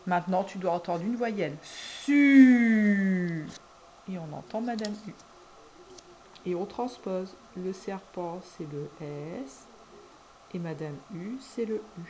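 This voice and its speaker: A woman preschool teacher guiding parents through a syllable dictation, speaking slowly and deliberately and drawing out each syllable. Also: lowish voice, noisy background. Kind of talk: instructional video for parents.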